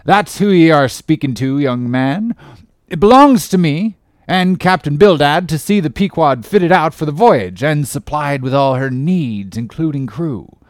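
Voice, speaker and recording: A man voicing a gruff, suspicious old male sea captain who blusters loudly in old-fashioned speech. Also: lively intonation, unhurried, no room sound, clean studio sound. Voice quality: loud, booming, archaic speech.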